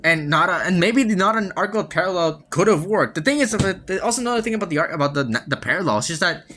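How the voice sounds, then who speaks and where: A slightly high-voiced man talks through a game review on his own podcast, his pitch swinging widely as he goes. He rambles, restarts his sentences often and swears casually, with wry laughs between points. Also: pushed and bright. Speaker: podcast host.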